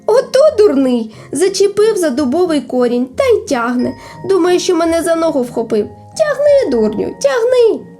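Sly storybook vixen, high and mocking, loud shrill cries, acted by a woman. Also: huge pitch swings, moderate pace, creaky, faint music behind, exaggerated voice. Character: sly, cunning female fox.

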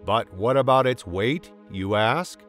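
Nature documentary narrator, male, mid-pitched and lively, dramatic storyteller, light music underneath. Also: a little slow. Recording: music behind the voice. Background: background music.

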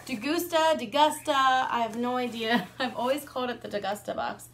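A woman and mother vlogging a casual product review, chatty and excitable, laughing often. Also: on the high side, fast, creaky, soft background music.

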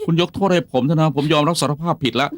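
A man's voice: a little high, steady tone, rapid-fire, dry recording, close to an everyday voice. A man voicing a flustered, henpecked husband who stammers and pleads while confessing to his wife, for a fan dub of a comedy film. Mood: pleading.

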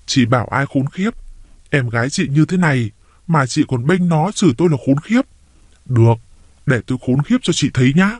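A man reading a story aloud, voicing an enraged jealous wife who hisses and shouts her accusations. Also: medium pitch, expressive, normal speed, no echo, clean studio sound, close to an everyday voice. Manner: hissing, enraged.

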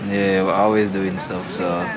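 Low-voiced Jamaican man vlogging in an airport terminal. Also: little pitch movement, unhurried, crowd noise. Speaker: travel vlogger. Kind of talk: casual vlog chat.

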